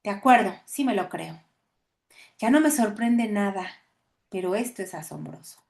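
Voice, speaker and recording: A woman's voice: medium pitch, lively intonation, moderate pace, vocal fry, darkish tone, voice pushed down. A woman reading the lines of an earnest man meeting his spiritual teachers, eager in tone.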